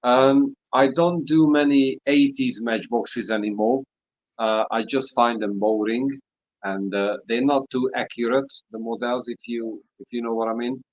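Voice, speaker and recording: A man chatting casually in hesitant, halting short phrases. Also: mid-range voice, steady tone, no echo, lo-fi sound. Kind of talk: casual chat.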